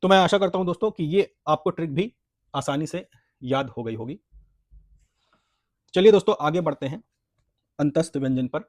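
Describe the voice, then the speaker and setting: A man teaching an exam-prep language lesson, sounding out syllables slowly and asking and answering his own questions. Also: a little high, lively intonation, a little mellow, no echo, clean studio sound. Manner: repeats points, asks and answers own questions, says "friends" often; spells out syllables slowly for practice.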